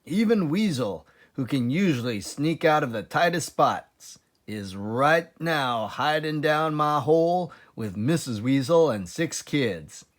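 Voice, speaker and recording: An anxious storybook badger , put on by a man, desperate and fretful. His dramatic exclamations swing widely in pitch, yet the words are drawn out. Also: animated, takes it slowly, hardly any pauses. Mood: alarmed. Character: excitable, anxious father badger, hungry and desperate.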